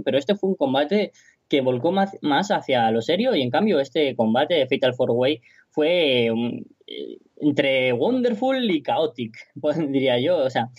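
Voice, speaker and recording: A man's voice: mid-range voice, expressive, moderate pace, darkish tone, slightly rough, no echo. A man speaking as a wrestling commentator, giving conversational, reflective analysis with his own opinions.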